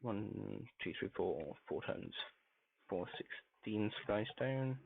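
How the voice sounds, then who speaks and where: A man streaming a game, talking softly and muttering to himself as he crafts, his grainy voice muffled as if heard through a wall. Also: fairly low pitch, expressive, slow pace, gravelly, a little hiss or hum. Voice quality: grainy voice when quiet. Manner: talks softly, mumbling to himself while crafting. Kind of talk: casual live-stream gameplay commentary. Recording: muffled phone-like mic with faint music.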